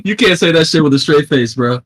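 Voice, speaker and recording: A man's voice: fairly high pitch, expressive, fairly quick, no echo. A young man co-hosting a gaming podcast, blunt and wisecracking in an easygoing way. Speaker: podcast co-host. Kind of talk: casual gaming podcast chat.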